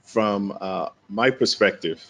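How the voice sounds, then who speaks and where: A man from the Bahamas speaking on a conference panel in a measured way, with restarts and fillers. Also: on the low side, a bit bright, a little hiss or hum. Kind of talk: conference talk.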